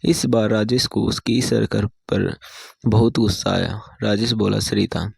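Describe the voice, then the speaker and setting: A man narrating a scripted story in a steady, measured way. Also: on the low side, vocal fry, breathy edge, dry recording.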